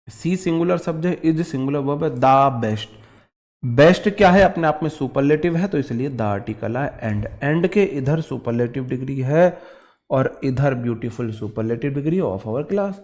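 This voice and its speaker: A man with a Haryanvi accent teaching an online English grammar class, lively and teasing, acting out his students' questions. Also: mid-range voice. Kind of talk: online exam-prep grammar lesson.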